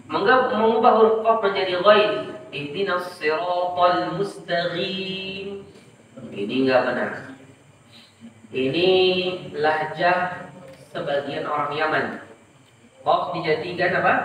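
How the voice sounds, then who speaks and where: A man teaching Quran recitation in class, modelling pronunciation slowly and quizzing his students. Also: fairly high pitch, sharp tone, a little hiss or hum. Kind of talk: classroom tajwid lesson. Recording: echoey room, mic far off.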